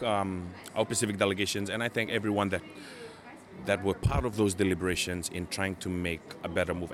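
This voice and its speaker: A man from Fiji, giving earnest interview answers and pausing to search for words. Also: fairly low pitch, fairly bright tone. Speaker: Pacific island campaigner interviewed at a meeting.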